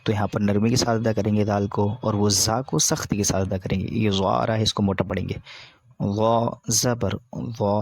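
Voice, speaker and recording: A male teacher giving a recitation lesson, drawing out syllables slowly in drills and explaining quickly in between. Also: lowish voice, flat delivery, gravelly. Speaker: Quran reading teacher.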